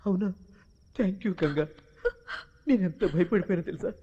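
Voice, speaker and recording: An actor playing a lovesick, volatile young hero in a dubbed film drama, talking with emotional intensity. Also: male voice, sits high, normal speed, lo-fi sound. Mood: tender. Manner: emotional and intense, swinging between pleading and mocking.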